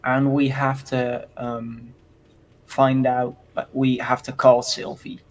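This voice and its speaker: A man's voice: mid-range voice, level tone, slow. A man giving casual commentary while playing a game, hesitant and giggly as he muses over choices. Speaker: let's-play player.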